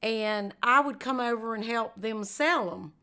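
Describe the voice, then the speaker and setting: Older female interviewee, slow and heartfelt delivery, bright forward tone. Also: a little high. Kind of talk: interview, repeated takes.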